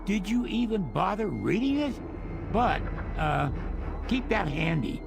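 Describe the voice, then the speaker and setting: Casting: crusty old troll keeper of scrolls, very gravelly, swinging pitch, game score behind. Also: male voice, very animated, unhurried, exaggerated voice. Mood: gruff. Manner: gravelly, boastful, rambling. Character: cranky old male troll scholar. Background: game music.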